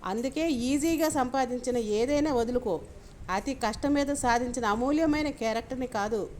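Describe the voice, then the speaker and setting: A woman's voice: on the high side, moderate pace, darkish tone, slight background noise, lightly acted. A woman reading an earnest young man. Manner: earnest, lecturing.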